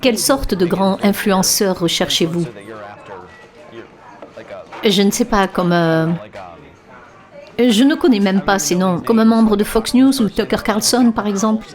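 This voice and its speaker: A woman's voice: mid-range voice, measured pace, long pauses, a little mellow, natural voice. A woman dubbing an inquisitive interviewer who prods for details in a conversational voice-over. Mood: curious, probing.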